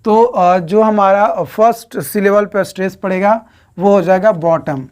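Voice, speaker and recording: Slow, methodical woman teaching phonetics. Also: mid-range voice, a little mellow, smooth. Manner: slow, repeats questions and answers to students; counts syllables aloud while writing. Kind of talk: recorded exam-prep lecture.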